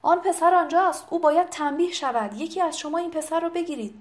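A woman reading aloud, voicing a harsh male nobleman who shouts urgent demands and calls for punishment. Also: very high voice, voice pushed up. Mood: urgent shouting.

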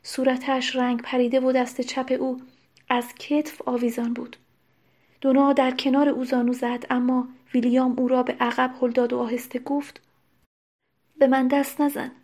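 A woman reads a novel aloud as audiobook narration. Her voice is fairly high and her pitch stays flat and even. Her delivery is steady and measured throughout.

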